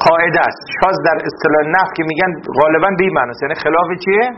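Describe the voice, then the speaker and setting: High-voiced man lecturing on grammar. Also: slight background noise. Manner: quizzes students with questions while explaining; recites Arabic text slowly. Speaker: teacher of Arabic grammar. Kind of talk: classroom lecture. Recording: dull lo-fi recording.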